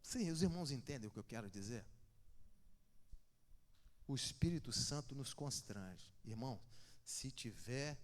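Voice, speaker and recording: A man from Brazil preaching a sermon in a church, telling stories with lively swings between loud and hushed. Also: medium pitch, a little slow, pauses often. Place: church sanctuary. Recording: long church reverb.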